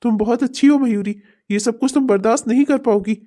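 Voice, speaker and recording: A woman's voice: a little high, brisk, dark tone, lightly acted. A woman voicing a frantic scolding husband. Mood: pleading. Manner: scolding, then begging with folded hands. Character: pleading, frustrated husband chasing his wife. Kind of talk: Hindi cartoon comedy voice acting.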